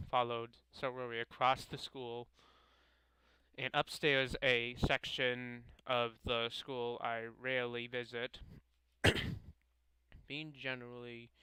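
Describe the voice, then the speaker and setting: A young man reading a visual novel aloud at a slow, easy pace, often tripping over words and poking fun at himself. His voice is bright and smooth, recorded close on a desk mic in a dry room. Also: medium pitch, no echo, low-quality recording. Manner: casual, self-mocking, stumbles over lines. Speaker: gaming video creator.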